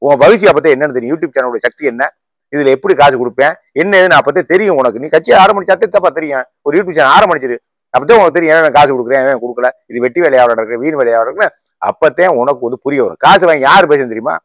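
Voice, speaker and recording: A man, a political YouTuber, giving a heated rant to camera in a combative voice full of rapid rhetorical questions. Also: on the high side, no echo, rough recording. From Tamil Nadu.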